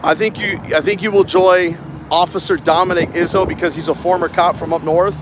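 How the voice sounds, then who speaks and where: A blunt, joking man in his fifties from Southern California hosts a casual livestream, talking fast in a high register. Faint outdoor traffic hums behind him. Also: fairly even intonation. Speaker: host.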